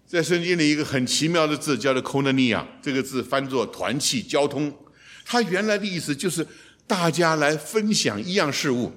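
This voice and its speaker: A man giving an expository Bible teaching in a lively way, putting rhetorical questions to his listeners and dropping in English phrases. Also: on the high side, normal speed.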